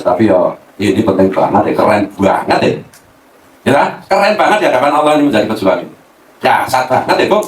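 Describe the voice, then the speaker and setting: Animated cleric speaking from afar. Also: male voice, medium pitch. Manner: animated, mixes Javanese slang, laughs often. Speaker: Islamic cleric. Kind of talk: casual religious talk. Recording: roomy, from a distance, faint noise.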